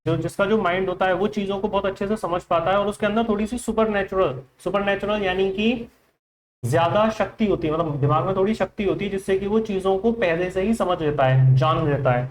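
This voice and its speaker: A man's voice: high-pitched, fairly quick, slight background noise. A man with an Indian accent teaching an English vocabulary class in Hindi, quizzing his students with repeated questions. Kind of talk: classroom lesson.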